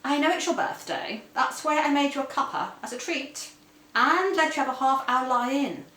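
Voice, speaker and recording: A woman's voice: high-pitched, lively intonation, moderate pace, pushed and bright, voice pushed up. A woman voicing a staid, portly, bossy husband who nags in a pompous tone, in an echoey room. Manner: pompous, nagging.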